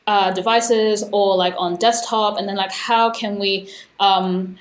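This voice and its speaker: A woman's voice: mid-range voice, steady tone, a little slow, reverberant. A young woman raised in Australia and Hong Kong, talking thoughtfully as an interview guest, with many fillers. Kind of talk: casual interview conversation.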